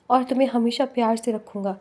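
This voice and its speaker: A woman's voice: a little high, fairly even intonation, darkish tone, close to an everyday voice. A woman voicing an anxious young husband. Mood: tender. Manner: anxious, earnest. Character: worried, protective young husband.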